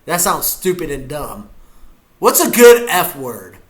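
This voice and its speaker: A man on the high side of the pitch range takes things slowly, his voice swinging widely in pitch. He's streaming a football game, reacting live and chatting goofily with viewers.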